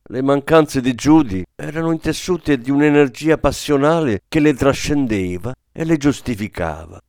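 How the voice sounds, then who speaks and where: A man reading a literary story aloud as an audiobook narrator, in a measured reading manner. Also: medium pitch, animated, a little mellow, no room sound, studio quality. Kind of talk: scripted narration.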